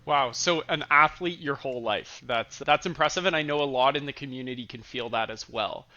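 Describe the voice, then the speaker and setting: Upbeat male co-host with a bright, sharp tone, dull lo-fi recording. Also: mid-range voice, brisk. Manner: upbeat and admiring, with "um" fillers. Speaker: podcast co-host. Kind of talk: casual podcast hosting.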